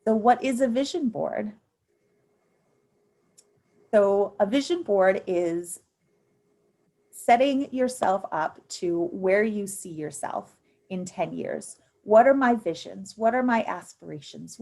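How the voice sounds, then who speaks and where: A woman's voice: medium pitch, animated, takes it slowly, creaky, a little mellow. An encouraging woman in her thirties walks young people through an online workshop. Her talk is upbeat and loose, dotted with ums, and it comes through a computer mic on a video call. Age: 30s. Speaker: financial literacy presenter.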